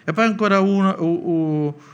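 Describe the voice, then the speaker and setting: A man from Italy preaching a sermon, acting out biblical quotes with animated, lively delivery. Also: high voice, moderate pace, clean tone, muffled recording.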